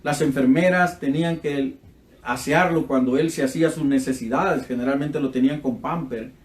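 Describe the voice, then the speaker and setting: Here the impassioned preacher has a medium-pitched voice at a normal speed, recorded with a roomy sound. He speaks with a Central American Spanish accent and performs the voices of the characters in his stories.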